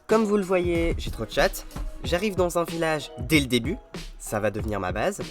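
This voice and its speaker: A man's voice: fairly high pitch, animated, moderate pace. A young man narrating his own gameplay in an upbeat, self-mocking voice-over. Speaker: gaming YouTuber. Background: game music.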